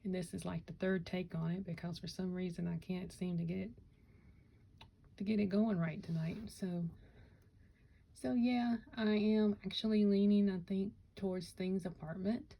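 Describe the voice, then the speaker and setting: A Lego vlogger chats casually to camera in her home Lego room about her builds, rambling, correcting herself and hiccuping. Her voice is fairly low and mellow with vocal fry. The audio is poor.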